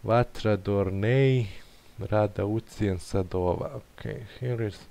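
A game streamer mutters to himself while playing a map-guessing game, thinking aloud and questioning his own guesses with hesitation. His voice is fairly low and slow, with vocal fry and a warm tone.

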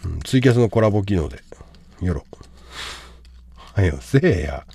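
A man hosting a livestream, reading out a viewer's love troubles and impatiently insulting him to join the call, dropping to mutters and then bursting into shouts. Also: low-pitched, very animated, normal speed, creaky, slightly rough. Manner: brash, insulting, impatient, swinging from mumbles to shouts. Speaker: livestream host giving advice. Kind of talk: livestream chat reading comments.

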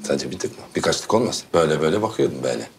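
A jealous, joking husband. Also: male voice, very deep voice, expressive, very fast, creaky, over music, exaggerated voice. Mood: teasing. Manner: teasing, jealous banter. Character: jealous, joking husband, playful and rapid-talking. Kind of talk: TV comedy-drama acting.

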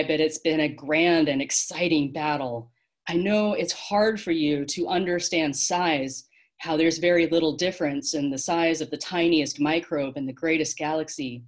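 Woman playing a gentle, tired celestial comforter. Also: low-pitched. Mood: warm. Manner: soft, slow and comforting.

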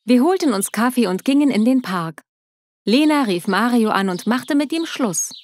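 A woman narrates a scripted first-person story in a steady storytelling manner. Her voice sits fairly high. The recording is dry and close, with no room sound. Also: normal speed, dry recording.

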